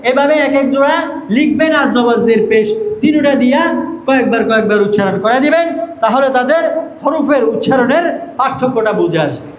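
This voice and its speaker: High-voiced man drilling a class. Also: animated, fairly quick, roomy sound, poor audio. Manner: asks questions and answers them himself, drills syllables. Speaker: Quran reading trainer. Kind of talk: teacher training lesson.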